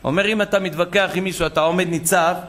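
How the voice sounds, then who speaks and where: A man's voice: high-pitched, fairly even intonation, fairly bright tone. A man preaching a sermon as a rabbi, telling a story with acted-out dialogue and building to emphatic calls.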